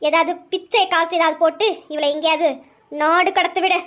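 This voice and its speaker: A woman's voice: very high-pitched, steady tone, moderate pace, a bit bright. A woman voicing a spiteful, domineering old grandmother in an audio drama, scornful and commanding. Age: older. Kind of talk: amateur Tamil audio drama.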